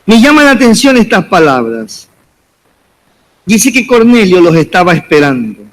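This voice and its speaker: A pastor preaches a sermon in a high-pitched, very animated voice at normal speed. He addresses the congregation as brother, repeating his calls to them in rising exhortations.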